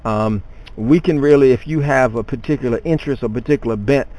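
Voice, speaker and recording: A man's voice: medium pitch, brisk, mellow, rough recording. Rambling man teaching an online class. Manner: rambling, many fillers and restarts. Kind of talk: online class talk to students.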